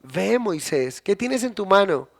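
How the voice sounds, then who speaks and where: God talking calm and bossy, high-ish voice, pastor doing it mid sermon. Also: male voice, measured pace, gravelly, full character voice. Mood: commanding. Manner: gives commands in plain, everyday speech. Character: God speaking to a prophet, male, calm and commanding. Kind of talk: sermon retelling.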